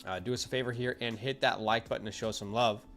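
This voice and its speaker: A man's voice: medium pitch, steady tone, fast talker, fairly bright tone, soft background music. A man hosting a casual fantasy football livestream, talking upbeat and straight to his chat through a headset mic. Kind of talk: casual live-stream chat.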